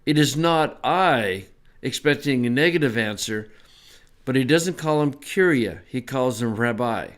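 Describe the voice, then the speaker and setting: A man teaching a Bible lesson in a relaxed, conversational way, with small asides as he explains. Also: medium pitch, measured pace.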